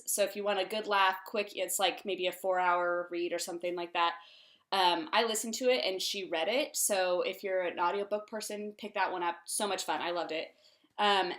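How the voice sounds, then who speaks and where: A woman's voice: mid-range voice, fairly bright tone. Chatty young woman hosting a casual book vlog, lots of ums and likes. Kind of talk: casual book-review chat.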